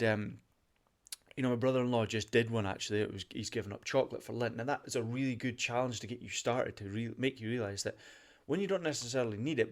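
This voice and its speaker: A young man hosts a solo motivational podcast in a lowish voice, speaking passionately, getting fired up and repeating his points to drive them home.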